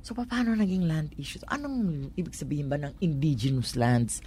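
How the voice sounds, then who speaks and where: A woman's voice: low-pitched, animated, normal speed, warm tone, a little hiss or hum. A woman with a Manila Tagalog accent explains conversationally on a talk program, posing rhetorical questions and switching between Tagalog and English. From Manila, Philippines.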